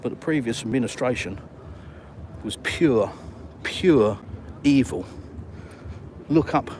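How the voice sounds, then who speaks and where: A middle-aged Englishman with an English accent, live-streaming as he walks through a city at night, chatting and answering viewer comments. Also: medium pitch. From England. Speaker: vlogger. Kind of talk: live walk-and-talk stream. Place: city streets at night, outdoors. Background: faint traffic noise.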